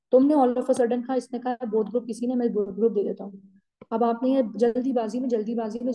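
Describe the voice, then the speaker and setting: A firm woman teacher lectures her students, direct and scolding. Her voice sits a bit high but has a mellow, warm tone. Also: poor audio. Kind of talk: motivational talk to students.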